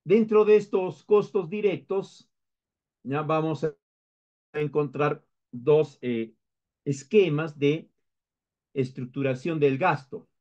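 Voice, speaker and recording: A man's voice: on the high side, slow pace, pauses often, darkish tone. Peruvian man lecturing, muffled recording. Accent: Peruvian Spanish. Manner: explanatory, with frequent hesitations and restarts. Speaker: instructor.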